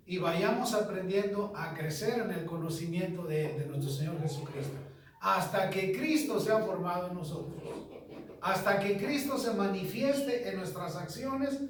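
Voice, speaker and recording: A man pastor teaching a sermon, measured, repeating key phrases and putting questions to the congregation. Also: high voice. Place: church hall. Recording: echoey church from far off.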